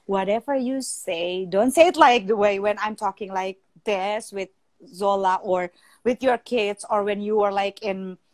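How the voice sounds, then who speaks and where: A woman hosting a casual live-stream chat as a sex therapist, switching between Indonesian and English, laughing often and slowing down to demonstrate, talking on a phone from home. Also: medium pitch, no room sound. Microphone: phone or video call.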